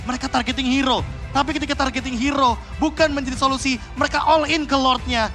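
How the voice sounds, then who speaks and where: A male esports caster gives energetic analysis in a chatty way, sprinkled with English gaming terms. His voice is very high and forceful, with faint music underneath. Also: quick pace.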